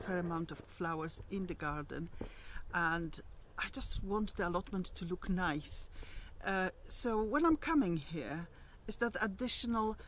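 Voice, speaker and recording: A woman's voice: fairly low pitch, slight background noise. A middle-aged woman giving a casual walking tour of her allotment garden outdoors, chatting in a meandering way with plenty of ums and restarts.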